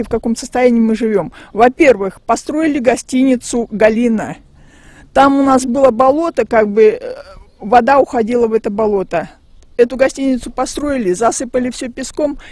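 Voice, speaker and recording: A man's voice: very high voice, moderate pace, a little mellow, no room sound. A man plainly describing housing problems as a resident, in a resigned way. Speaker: resident of a run-down building. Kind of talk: spoken complaint to camera.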